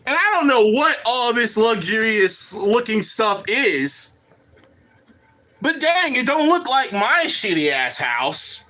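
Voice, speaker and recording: A man's voice: high voice, sing-song, slow, bright, forceful tone. A man giving casual, rambling reaction commentary on a live stream, swearing, laughing and talking to his chat.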